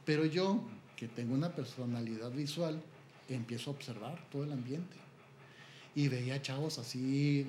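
Mexican priest telling a story in a roomy space. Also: male voice, medium pitch, slight background noise. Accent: Mexican Spanish. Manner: animated, acts out quoted dialogue. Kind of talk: storytelling testimony. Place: at home.

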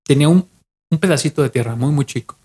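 A man's voice: fairly high pitch, fast, mellow. A young adult man with a Mexican accent casually retells a legend from memory on a podcast, often repeating and restarting his phrases. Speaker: podcast co-host.

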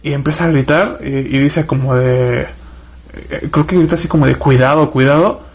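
A man's voice: mid-range voice, steady tone, moderate pace, darkish tone, husky. Rambling Mexican man telling a story. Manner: rambling, retells events in detail. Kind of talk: casual storytelling chat.

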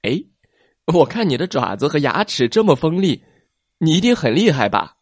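A man's voice: on the high side, very animated, normal speed, dry recording, clean studio sound, pitched above the performer's own voice. A man doing a kind, cheerful sea reptile. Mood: friendly.

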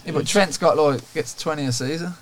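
A man's voice: on the high side, a little fast. A man bantering casually as a podcast guest. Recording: clear background noise.

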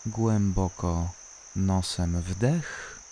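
A calm, soothing voice guiding a body-scan relaxation, unhurried and leaving long pauses between short instructions. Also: sits low, slight background noise. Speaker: guided relaxation narrator. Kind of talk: slow guided body-scan meditation.

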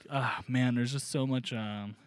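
A man's voice: mid-range voice, steady tone, unhurried, smooth, no room sound. Rambling man co-hosting a podcast. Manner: rambling, jokey, many fillers. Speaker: podcast co-host. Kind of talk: casual chat.

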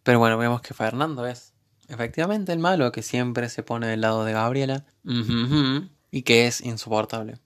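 A man's voice: medium pitch, normal speed, clear, resonant tone. A man with an Argentine accent recapping a TV series episode in a casual, sarcastic way with joking asides. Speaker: TV series reviewer.

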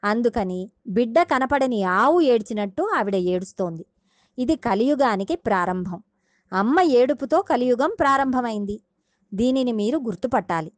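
A woman's voice: a little high, expressive, moderate pace, dry recording. A woman giving a devotional discourse, retelling a sacred story and explaining its meaning earnestly, speaking directly to her listeners.

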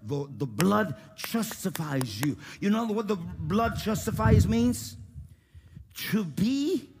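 A man preaching a sermon in English with small grammar slips. He swings between loud rousing calls and soft, close prayer. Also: sing-song, slow pace, noisy background. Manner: shouting and rousing at high pitch, then dropping to a quiet, intimate tone.

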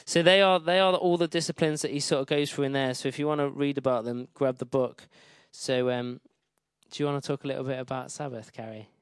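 Clear-voiced man in an informal talk. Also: mid-range voice, fairly even intonation, fairly quick, no room sound. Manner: conversational, hesitant, self-correcting. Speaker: speaker presenting a book.

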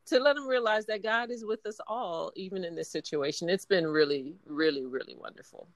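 A woman's voice: lowish voice, brisk, no room sound. A woman hospital chaplain speaking earnestly about her faith and work. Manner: warm, earnest, faith-filled. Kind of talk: casual interview chat.

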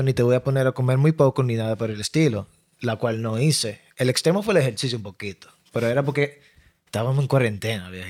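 A man speaks as a fitness coach in a casual podcast chat. His voice sits at an average pitch, and he explains things in a relaxed, easygoing way.

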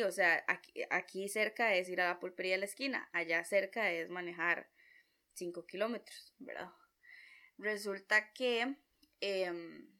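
A young woman with a Costa Rican accent, telling a personal story in a chatty, expressive vlog style and acting out her own reactions. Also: mid-range voice. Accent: Costa Rican Spanish. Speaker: vlogger.

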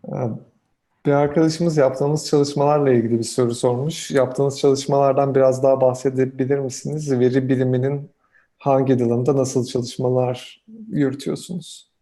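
A man's voice: medium pitch, little pitch movement, moderate pace, mellow. A man hosting an interview, politely reading out questions sent in by viewers. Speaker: interview host.

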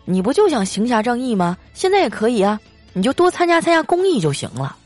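A woman's voice: on the high side, big pitch swings, fast talker, soft background music, pitched above the performer's own voice. A woman doing her teasing big brother. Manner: teasing, wisecracking. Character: teasing older brother, joking and playful.

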